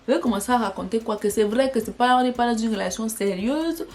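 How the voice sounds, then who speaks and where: A young woman telling a personal story in an animated, dramatic way for her vlog. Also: on the high side, fast talker, soft background music. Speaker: vlogger.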